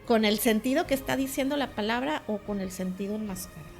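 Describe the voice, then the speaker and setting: A higher-voiced woman speaks in a measured, explanatory way, like a teacher. She talks through her points carefully in a relaxed conversation. Soft music plays faintly behind her. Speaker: teacher and co-host. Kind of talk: casual conversation on a talk show.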